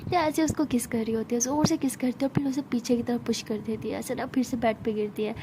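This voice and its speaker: A woman's voice: fairly high pitch, steady tone, a little fast, background noise. A woman telling a romantic story in a casual, conversational way and voicing every character herself. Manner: conversational, narrates while voicing all characters.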